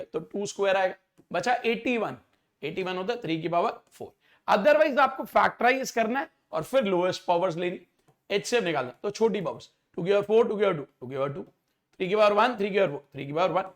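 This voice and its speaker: A young adult man, teaching an exam-prep maths lecture step by step and often checking that students follow. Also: sits high.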